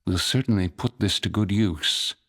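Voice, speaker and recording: A man voicing a courteous, wry masked spymaster with a calm, polite, dryly amused manner. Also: sits low, moderate pace.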